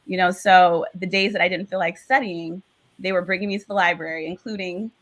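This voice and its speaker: Lower-voiced woman physician, candid storyteller. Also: fairly even intonation, fairly quick, low-quality recording. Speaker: physician guest. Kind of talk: conversational interview answer.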